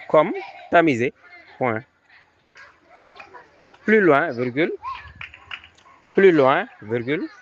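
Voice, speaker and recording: A man's voice: fairly high pitch, slight background noise. A man reading a dictation aloud, repeating each phrase several times and calling out the punctuation. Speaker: teacher giving a dictation. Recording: dull lo-fi recording.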